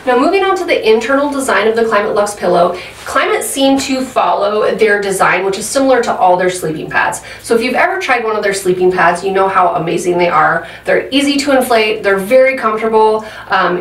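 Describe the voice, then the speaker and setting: A woman's voice: medium pitch, a bit bright, a little hiss or hum. Chatty woman reviewing gear, roomy sound. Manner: chatty, frequent "um" fillers. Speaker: product reviewer. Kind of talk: casual product review. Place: indoor room at a desk. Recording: roomy and slightly distant.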